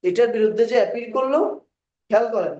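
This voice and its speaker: High-voiced man lecturing in an echoey room. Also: warm tone, slight background noise. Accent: Bangladeshi. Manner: dictates legal phrases slowly, checks understanding often. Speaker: law lecturer. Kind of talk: classroom lecture. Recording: distant, echoey, dull room recording.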